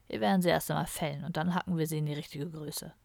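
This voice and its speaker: A woman voicing a gruff, grumpy young man who drinks heavily, in a curt, muttering audiobook character voice. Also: sits low, fairly even intonation, quick pace, a little mellow, dry recording, pitched below the performer's own voice. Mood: grumbling.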